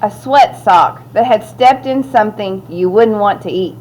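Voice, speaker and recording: A woman narrating a children's story aloud in an expressive, clear storytelling delivery. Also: mid-range voice, normal speed.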